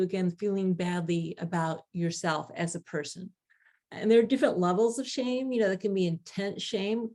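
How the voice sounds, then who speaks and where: A woman's voice: medium pitch, a little mellow. A woman teaching in an informal, explanatory way, conversational and stressing her key words. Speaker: self-compassion teacher.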